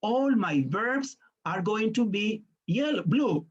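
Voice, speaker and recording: This teacher trainer, a Colombian man, speaks slowly in a high, husky voice with lively intonation during an online workshop lecture. His Colombian Spanish carries step-by-step explanations, with short moments where he voices students and parents. The audio is dull.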